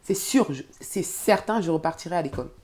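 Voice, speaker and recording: A woman's voice: on the low side, a little fast. A middle-aged woman from Cameroon, telling her life story as a guest and acting out the voices of people in it. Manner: animated storyteller who acts out quotes. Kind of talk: personal storytelling.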